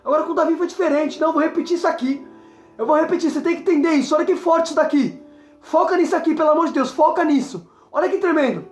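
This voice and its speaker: Woman evangelist, high bright voice, emphatic and repetitive sermon delivery in an echoey room. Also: quick pace, faint music behind. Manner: emphatic, repetitive, exclaims often. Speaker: evangelist preacher.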